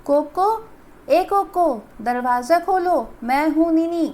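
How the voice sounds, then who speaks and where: A woman's voice: very high-pitched, measured pace, darkish tone, pitched above the performer's own voice. A woman voicing an impatient, hungry boy named Nini calling at the door.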